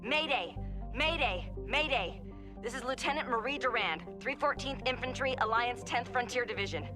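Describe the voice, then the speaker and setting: A woman's voice: a little high, expressive, normal speed, over music. A woman voicing a female army lieutenant sending a mayday over a radio distress call, urgent and clipped. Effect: radio distress call transmission. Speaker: soldier calling for rescue.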